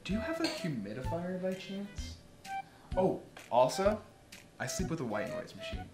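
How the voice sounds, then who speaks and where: A woman's voice: on the low side, huge pitch swings, moderate pace. A woman acting an awkward, eager nineteen-year-old guy who talks oddly formally in a comedy sketch. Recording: roomy sound with music.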